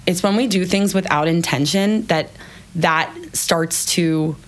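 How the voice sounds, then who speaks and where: A woman with a notably low voice, speaking openly about her own experiences as a guest on a podcast. She talks with emotion and casual candor, dropping a curse word here and there. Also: measured pace. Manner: open, emotional, casual swearing. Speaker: business founder, podcast guest. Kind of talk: candid personal storytelling.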